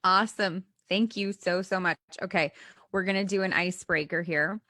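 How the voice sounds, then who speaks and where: A woman moderating an online panel, upbeat and brisk as she hands out questions. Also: lowish voice, fairly even intonation, sharp tone, no room sound, studio quality.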